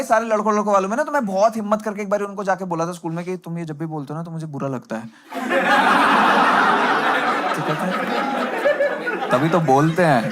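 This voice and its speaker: A young man performing a stand-up comedy set, self-mocking and conversational, acting out other people's lines. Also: sits high. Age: young adult. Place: comedy club stage with live audience. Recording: loud audience laughter and noisy room.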